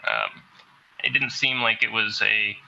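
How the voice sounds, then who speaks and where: A man's voice: on the low side, sing-song, unhurried, gravelly, bright, forceful tone, highs cut off. A man in a casual science discussion, speaking skeptically with hedges. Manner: skeptical, hedging. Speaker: discussion participant.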